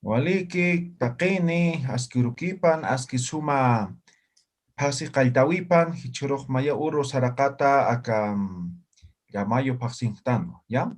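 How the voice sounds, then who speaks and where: A man leads a live online language lesson, explaining sounds step by step in a patient, steady way. His voice sits at an ordinary middle pitch for a man. It comes through a computer mic on a video call. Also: slow pace. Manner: patient explaining, tags nearly every phrase with a short check-in question. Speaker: language teacher.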